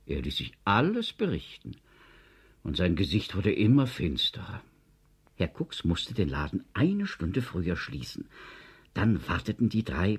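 A man from East Germany reading a children's story aloud, expressive and storytelling. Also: deep voice, husky. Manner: lively storytelling, slow and expressive. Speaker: narrator.

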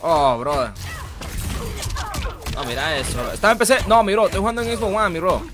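A man giving live commentary on his gameplay as a streamer, greeting viewers and reacting with excitable, repetitive banter and sudden outbursts. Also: high-pitched, moderate pace. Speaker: gaming streamer.

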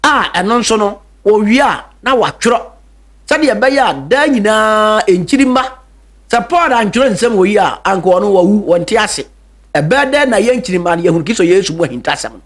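A man's voice: high-pitched, animated, moderate pace, fairly bright tone. A Ghanaian man preaching a radio sermon in Twi and English, emphatic, repeating key words, with hesitant fillers.

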